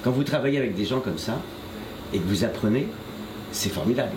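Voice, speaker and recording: Here the older voice actor's voice sits in the mid range with lively intonation and a slightly quick pace. He stumbles through questions about his career with frequent fillers and restarts, recorded in an echoey, noisy shop setting.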